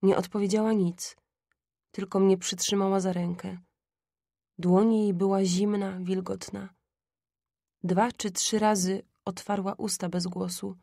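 Female audiobook narrator, mid pitch, dry close mic, measured storytelling. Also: little pitch movement, gravelly, dark tone, dry recording. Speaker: audiobook reader. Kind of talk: scripted literary narration.

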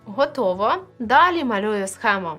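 A woman's voice: mid-range voice, lively intonation, moderate pace, fairly bright tone, soft background music. A woman teacher explaining poetic meter in a video lesson, addressing viewers directly and counting syllables aloud.

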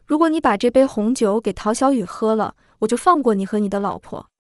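A woman's voice: a little high, expressive, a little fast, a little mellow, dry recording, studio quality, close to an everyday voice. A woman reading the lines of a cruel, jealous young woman in a storybook narration, with a cold, sneering manner.

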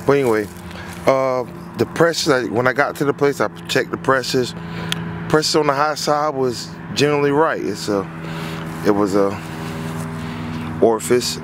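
A man's voice: medium pitch, noisy background. A man, an HVAC technician, walks through a repair job in a casual, rambling way, repeating himself as he goes, recorded outdoors on a phone. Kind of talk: casual explainer walkthrough. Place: outdoors on a lawn.

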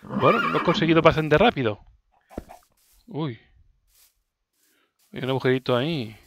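Higher-pitched Spanish man, playful gamer. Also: lively intonation, unhurried, fairly bright tone, slight background noise. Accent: Spanish (Spain). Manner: playful, talks to the game creatures, repeats words. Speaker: gaming video host. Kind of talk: casual let's play commentary.

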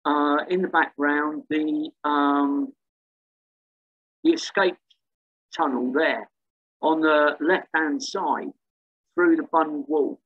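A man's voice: on the high side, fairly even intonation, slow, pauses often, narrow, tinny audio. A man giving a slide lecture on local history, hesitant, with many ums and restarts. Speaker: museum talk speaker.

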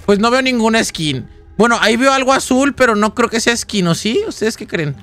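A man's voice: extremely high pitch, expressive, brisk, a bit bright, soft background music. A man with a Mexican accent giving casual, chatty live gameplay commentary as a streamer, thinking aloud and talking to his viewers. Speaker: game streamer.

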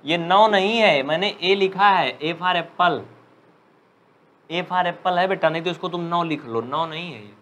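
A man teaching a live online maths class who jokes with students and dictates slowly. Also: a little high, bright, forceful tone. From India. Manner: chatty, joking, dictates slowly.

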